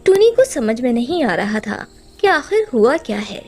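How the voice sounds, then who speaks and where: A woman narrating a children's cartoon story in an expressive, gentle way. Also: on the high side, normal speed, soft background music.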